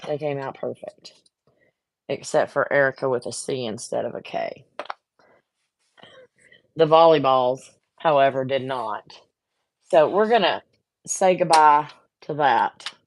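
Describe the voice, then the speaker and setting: Chatty woman, low voice. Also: animated, unhurried, pauses often, slight background noise. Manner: chatty, frustrated, talks to viewers. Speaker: craft vlogger. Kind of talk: casual chat while working.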